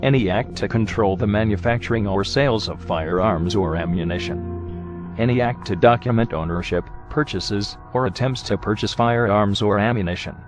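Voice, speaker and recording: A man with a disguised, artificially deepened voice reads out a formal warning statement in a stern, measured, legalistic manner. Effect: disguised, digitally deepened voice. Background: music.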